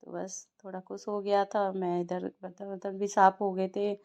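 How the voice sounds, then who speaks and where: A woman's voice: medium pitch, flat delivery, moderate pace, a little mellow, lo-fi sound. A young woman, a mother casually narrating her day at home, chatty and telling stories with small laughs.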